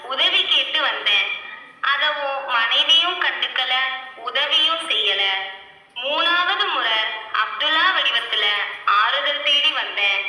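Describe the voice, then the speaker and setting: A young performer as a calm reproachful Jesus. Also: sits high, full character voice. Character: gentle, reproachful Jesus on the phone. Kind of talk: school stage play. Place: school hall stage. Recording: echoey hall, mic far off.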